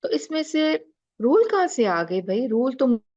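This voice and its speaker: A woman's voice: high-pitched, very animated, unhurried, a little mellow, lo-fi sound. A woman teacher explaining recitation rules in a class, asking questions and drawing out letter sounds. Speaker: tajweed teacher.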